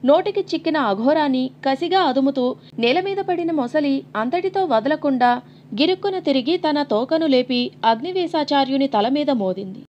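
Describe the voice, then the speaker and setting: Brief: woman audiobook narrator, high voice, dramatic delivery, slightly muffled recording. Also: normal speed, a little hiss or hum. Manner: dramatic, expressive storytelling.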